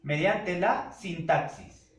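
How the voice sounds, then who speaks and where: A male teacher lectures his class in a high, lively voice, pausing often and repeating the key terms. He speaks slowly and keeps checking that the students follow. The sound is echoey, recorded in a classroom. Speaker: secondary school language teacher. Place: classroom with a whiteboard.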